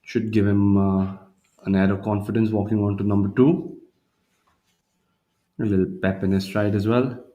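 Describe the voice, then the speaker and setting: A man with a fairly low voice delivers golf commentary for a telecast. He talks through each shot in a measured, analytical way, pausing now and then to find his words. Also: fairly even intonation, phone-quality sound.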